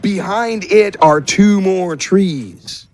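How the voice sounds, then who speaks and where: A man with a high-sitting, darkish voice draws out his words as he narrates a tabletop fantasy game as its game master. His descriptions are improvised and conversational, as if he's feeling his way through them, with music playing underneath.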